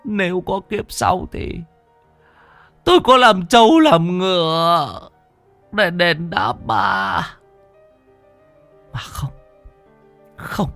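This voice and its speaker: A man's voice: high voice, very animated, extremely slow, vocal fry, pauses often, a bit bright, no echo, soft background music, voice pushed up, full character voice. A man voicing a crippled, remorseful middle-aged husband who speaks in choked, sobbing pleas in a storybook reading.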